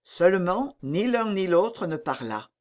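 A woman narrating a classic novel as an audiobook. Her reading is measured and expressive, with a lot of movement in pitch. She takes a slow pace on a somewhat low voice. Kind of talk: scripted narration.

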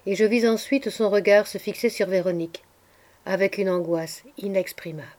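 This literary audiobook is narrated by a woman whose storytelling is both expressive and measured. She speaks at a medium pitch over quiet music in the background.

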